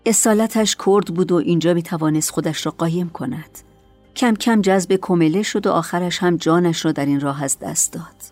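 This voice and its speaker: Woman narrator, low voice, calm and measured, reading a radio drama, faint music behind. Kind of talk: scripted story narration.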